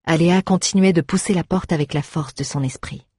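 A woman reading a fantasy story aloud in a steady, measured way. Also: lowish voice, slightly rough, no room sound, clean studio sound. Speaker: audiobook reader. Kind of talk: scripted fantasy narration.

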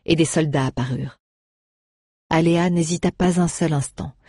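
Low, husky woman audiobook narrator, measured delivery, dry close sound. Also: warm tone, dry recording. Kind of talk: scripted storybook narration.

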